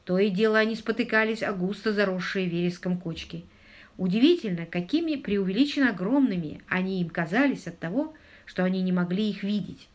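A woman reading a mystery novel aloud, with expressive narration. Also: medium pitch, fairly quick. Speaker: audiobook narrator. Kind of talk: audiobook reading.

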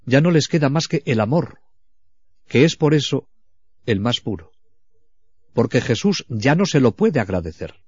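A man preaching at a spiritual retreat in a slow, reflective way, often sinking into a hushed voice. His voice sits at an ordinary pitch. The recording is dull and lo-fi, with a dry, close sound. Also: no room sound.

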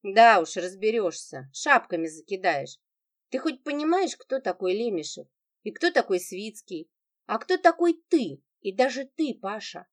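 A woman's voice: medium pitch, big pitch swings, measured pace. A woman reading an audiobook, voicing a venomous, mocking wife who speaks with biting sarcasm.

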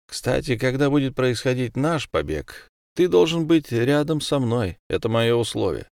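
A man's voice: medium pitch, sing-song, normal speed, creaky, a little mellow, no echo, studio quality. A man voicing a terse, commanding prison gang boss. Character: cold calculating male prison gang boss.

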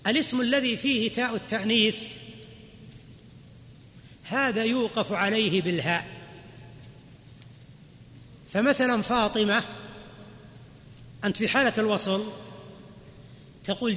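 In a lecture hall with reverb and faint noise, a man patiently explains Arabic grammar to his class and quizzes the students. His voice sits high and has a sharp tone.

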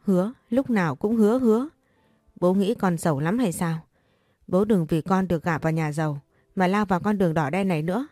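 A woman's voice: fairly low pitch, fairly quick, a little mellow, no echo, studio quality, soft background music, close to an everyday voice. A woman voicing an exasperated young married daughter who sharply scolds her father.

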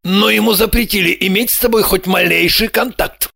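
A woman doing a gravelly blustering male boss. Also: medium pitch, fairly bright tone, dry recording, clean studio sound, exaggerated voice. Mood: grumbling. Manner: slow, blustering. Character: flustered middle-aged male agent boss, quick-tempered. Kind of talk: audiobook character voice.

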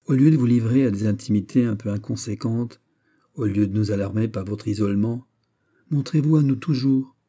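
A man's voice: lowish voice, a little fast, mellow, close to an everyday voice. A man reading an audiobook, voicing a gallant young French king who speaks in a courteous, persuasive way. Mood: coaxing.

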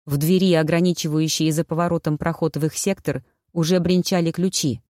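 An audiobook narrator reading a fantasy story in a steady, even storytelling manner. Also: medium pitch, brisk, no room sound, studio quality. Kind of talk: scripted narration.

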